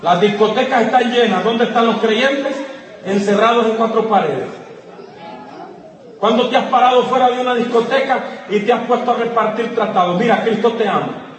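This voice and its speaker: High-pitched pastor guy preaching loud, far from the mic, big echoey room, congregation noise behind. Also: moderate pace. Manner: preaching with call-and-response questions, rising to shouts. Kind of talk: fiery sermon. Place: church service with congregation. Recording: echoey hall, distant mic, crowd noise.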